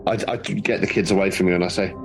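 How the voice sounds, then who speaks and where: Man, low-pitched, game player, laid-back, blunt, joking. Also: steady tone, quick pace, creaky, music in the background. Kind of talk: tabletop role-play chat.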